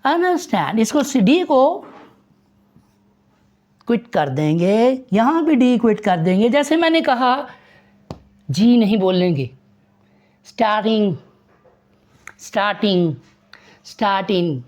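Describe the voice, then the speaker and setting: A man's voice: very high voice, very animated, slow pace, long pauses, a little mellow. Guy from pakistan teaching english sounds, voice goes way up and down, spells stuff out. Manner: spells words out letter by letter, mixes English phrases into explanations. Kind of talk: pronunciation lesson.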